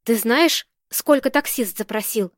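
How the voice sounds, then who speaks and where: A woman's voice: fairly high pitch, a little slow, dry recording, lightly acted. A woman reading the lines of a fussy, talkative old landlady who chatters and frets, in a dry, close-sounding recording. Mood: fretful. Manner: chattering, fretful.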